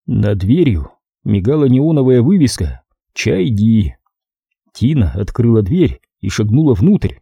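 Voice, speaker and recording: A man's voice: medium pitch, warm tone, slightly rough, no room sound, studio quality. A man reading a crime novel aloud as audiobook narrator. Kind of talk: scripted narration.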